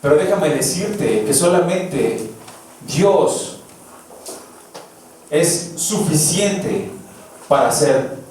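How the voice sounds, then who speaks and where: A man's voice: on the high side, animated, drawn-out words, long pauses, darkish tone, far from the mic. A man preaching a verse-by-verse sermon, emphatic and asking the congregation questions. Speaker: pastor. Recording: roomy echo, voice from afar, faint noise.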